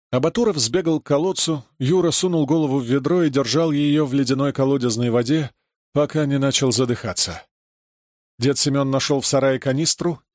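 A man narrating a dark rural adventure story, reading scripted prose steadily. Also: medium pitch, dry recording, studio quality. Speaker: audiobook narrator.

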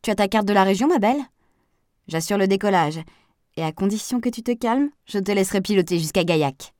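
A woman reading as a calm male helicopter instructor. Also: mid-range voice, brisk, dry recording, lightly acted. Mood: firm, reassuring. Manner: calm, firm, affectionate instructions. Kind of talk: audiobook character voice.

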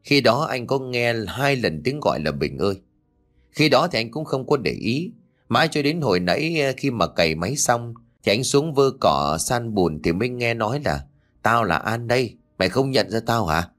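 A man's voice: mid-range voice, lively intonation, moderate pace, fairly bright tone, natural voice. A man doing a shaken young farmer. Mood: troubled. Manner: troubled, hesitant. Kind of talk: audiobook character voice.

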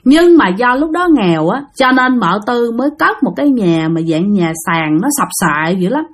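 A woman's voice: medium pitch, sing-song, moderate pace. A woman with a Southern Vietnamese accent telling a supernatural story in a chatty way, speaking straight to her listeners. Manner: chatty, addresses listeners directly. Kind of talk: spoken ghost-story narration.

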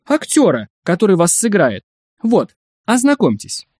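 A brisk, smooth-talking biographer with a confident, persuasive edge, as a male reader puts him on. His voice sits fairly high and swoops lively up and down. The recording is close and dry. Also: no echo, exaggerated voice. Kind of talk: audiobook character reading.

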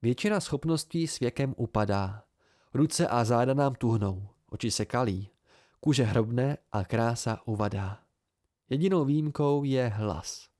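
A man reads an amateur audiobook in the first person, measured and plain. His voice is mid-pitched for a man. The recording is close and completely dry. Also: darkish tone, dry recording. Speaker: audiobook narrator.

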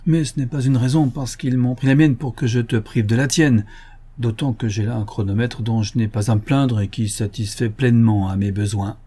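Un cambrioleur gentleman, raffiné et moqueur, lu par un homme, dans un livre audio. Il parle avec ironie et une assurance tranquille, d'une voix douce et un peu voilée. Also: medium pitch, steady tone, normal speed, slightly rough, natural voice. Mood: teasing. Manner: ironic, playful and self-assured. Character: suave, mocking male gentleman burglar.

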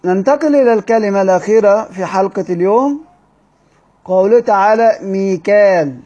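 A man with an Egyptian accent teaching Quranic readings in a study-circle lecture, explaining step by step and drawing out key words slowly. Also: high voice, mellow. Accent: Egyptian Arabic. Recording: dull lo-fi recording.

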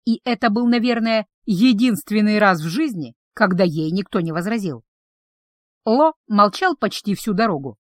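A woman reading a fantasy story aloud as narrator, in calm, even storytelling. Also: mid-range voice, moderate pace, dry recording, studio quality. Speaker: audiobook narrator. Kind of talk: scripted narration.

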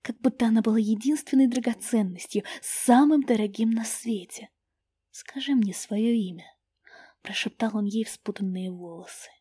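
Hushed woman reading a story. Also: on the high side, fairly even intonation, fairly quick, hardly any pauses, breathy edge, no echo. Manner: hushed, often whispered reading. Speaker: audiobook narrator. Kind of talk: storybook narration.

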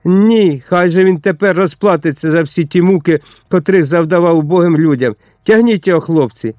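A man's voice: on the high side, moderate pace, a little mellow, dry recording, lightly acted. A man voicing a fierce, commanding Cossack leader who speaks sternly and in anger, in an audiobook. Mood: wrathful commanding.

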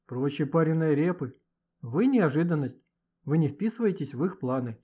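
Brief: man doing a feisty schoolgirl, high and shrill, lively swings, dull lo-fi audiobook sound. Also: moderate pace, breathy edge. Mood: reasoning. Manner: shrill, indignant. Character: feisty schoolgirl, quick to anger.

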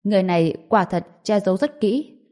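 A woman reading the lines of a grave, quiet male Taoist master. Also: medium pitch, lively intonation, fairly quick, natural voice.

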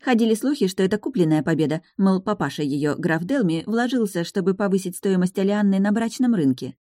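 A woman voicing an excitable, gossipy young woman in an audiobook, lively and talkative. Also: mid-range voice, a little fast, dry recording, clean studio sound, voice pushed up, natural voice.

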